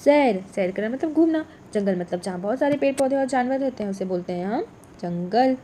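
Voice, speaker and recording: A woman teaching a workbook lesson to young children, slow and clear, repeating each letter and word. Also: fairly high pitch, animated, mellow, a little hiss or hum.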